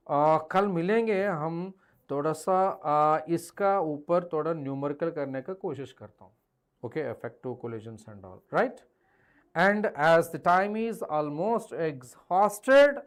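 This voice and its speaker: A man with an Indian accent lecturing in a live online class, emphatic and repeating key phrases, mixing English with Hindi. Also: a little high. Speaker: chemistry teacher.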